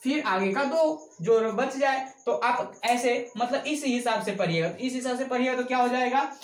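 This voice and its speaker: A woman with a fairly high voice teaches a math lesson in an echoey classroom. She counts numbers aloud at a steady pace and asks questions that she then answers herself. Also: normal speed. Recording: echoey room.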